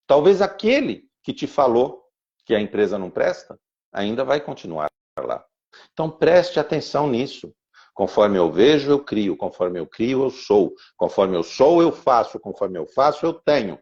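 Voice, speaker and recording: A man's voice: medium pitch, very animated, moderate pace, gravelly, darkish tone. A man teaching on a podcast and telling a personal story, with rhythmic repeated phrases and stammered restarts. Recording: dull lo-fi sound.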